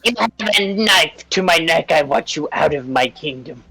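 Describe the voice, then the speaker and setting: A man's voice: a little high, animated, moderate pace, gravelly, crowd noise. A man voicing a stubborn, angry male gnome king who gives curt orders. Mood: hostile. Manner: curt and hostile.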